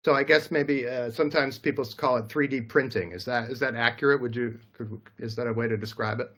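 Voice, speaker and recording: A man's voice: mid-range voice, fairly even intonation, fairly quick, a bit bright. A man hosting a live interview over a video call, upbeat and chatty with a self-deprecating manner. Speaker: host.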